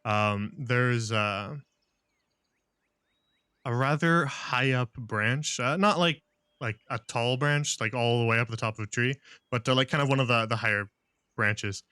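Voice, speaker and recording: Smooth-voiced man narrating as game master. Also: mid-range voice, sharp tone, no echo, clean studio sound. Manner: halting, casual improvised narration. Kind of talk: narrating a tabletop fantasy game.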